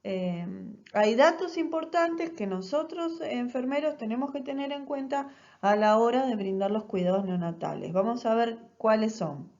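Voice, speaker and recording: A nursing lecturer teaches a recorded class in a fairly high, slightly mellow voice at a moderate pace. She explains step by step and often checks in with rhetorical questions, and the sound is lo-fi.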